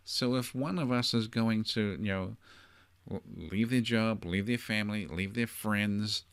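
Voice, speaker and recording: A middle-aged man with a New Zealand accent hosts a podcast, offering relationship advice in a solo monologue. His voice is fairly low and a bit bright, and he sounds thoughtful and conversational, hedging often with fillers.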